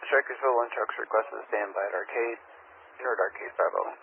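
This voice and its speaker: A man's voice: on the low side, brisk, gravelly. A male fire dispatcher speaking in clipped, procedural phrases over a two-way radio. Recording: tinny radio channel with faint noise.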